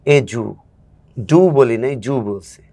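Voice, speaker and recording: A man's voice: medium pitch, expressive, normal speed. A man who coaches spoken English, a guest in a casual interview, explaining patiently and acting out examples.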